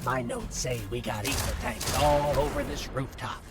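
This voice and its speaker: A man's voice: mid-range voice, big pitch swings, moderate pace, natural voice. A man voicing a small robot companion in a video game who imitates a rambling, swaggering drifter with folksy slang. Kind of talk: video game mission radio dialogue.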